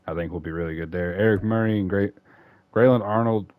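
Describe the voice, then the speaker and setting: A man's voice: on the low side, a little fast, phone-quality sound. A man casually talking through a football franchise game, rambling and correcting himself as he goes. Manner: rambling, self-correcting, chatty. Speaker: gaming YouTuber. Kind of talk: casual franchise-mode commentary.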